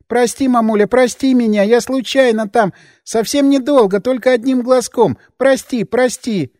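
A man voicing a timid, frightened, childlike grown man who talks about himself in the third person, pleading in a high whiny voice. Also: moderate pace, no room sound, clean studio sound. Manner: frantic pleading, hushed hissing, high and whiny. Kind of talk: audiobook character voice.

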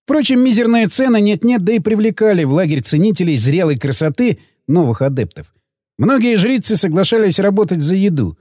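Male audiobook narrator, ironic, animated delivery, dry close sound. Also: high voice, a little fast, dry recording.

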